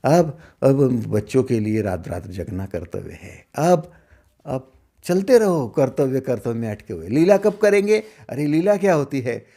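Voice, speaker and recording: A middle-aged man giving a spiritual discourse as a teacher, asking rhetorical questions and swinging between loud emphasis and hushed asides. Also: medium pitch, sing-song, a little slow, vocal fry.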